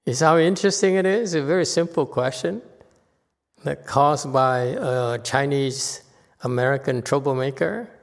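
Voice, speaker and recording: A man's voice: medium pitch, normal speed, long reverb tail. A man teaching a Buddhist class, teasing and blunt with his students and laughing often. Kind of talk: Dharma class teaching with banter.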